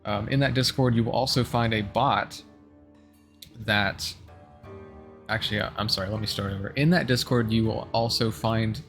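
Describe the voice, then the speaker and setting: A man's voice: lowish voice, steady tone, moderate pace, creaky, a bit bright, soft background music. A man giving casual announcements as a live streamer, rambling a little and restarting his sentences to correct himself. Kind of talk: casual livestream announcements to viewers.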